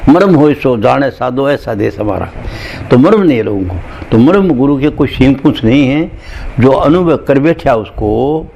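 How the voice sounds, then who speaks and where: Guy from india doing a satsang talk, gravelly voice, chatty, reciting verses here and there. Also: medium pitch, expressive, unhurried, a little mellow, muffled recording, slight background noise. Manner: conversational, addresses listeners directly, weaves in recited verses. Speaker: spiritual teacher. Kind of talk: morning satsang sermon.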